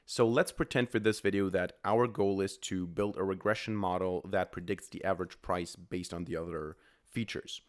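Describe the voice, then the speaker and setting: A man's voice: low-pitched, steady tone, normal speed. A man with a cold, his voice a bit off, explaining step by step as he types code in a programming tutorial. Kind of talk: screen-recorded coding tutorial.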